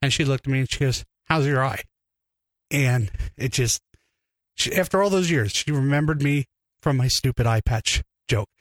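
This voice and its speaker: Guy on a podcast rambling thru a story, mid-pitch, dry close mic, kinda choked up, laughs at himself. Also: moderate pace, no room sound. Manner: rambling, self-deprecating, emotional. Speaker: podcast co-host. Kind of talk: casual storytelling.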